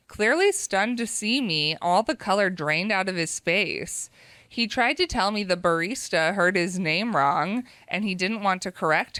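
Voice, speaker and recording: An American woman reading breakup stories aloud on a talk show and reacting with animated laughs. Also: fairly low pitch, no echo.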